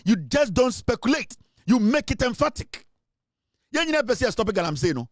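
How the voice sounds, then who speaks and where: A Ghanaian man giving a forceful, insistent monologue as a political commentator. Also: very high voice, very animated, brisk, no echo, clean studio sound. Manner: forceful, insistent, mixes English and Twi. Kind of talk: impassioned monologue.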